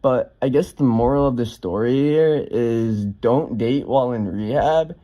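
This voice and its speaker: Chill young guy telling a storytime, mellow low-key voice, says like a lot. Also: a little slow. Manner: offhand, swears casually, lots of fillers. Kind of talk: casual storytime narration.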